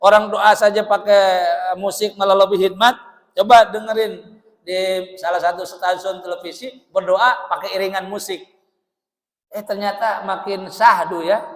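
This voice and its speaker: A man with a high voice preaches at a mosque dawn gathering. He tells stories with lively energy, acts out the back-and-forth of conversations and laughs often. His voice rings with long reverb from a large hall. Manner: animated storytelling, acting out dialogue, laughing often.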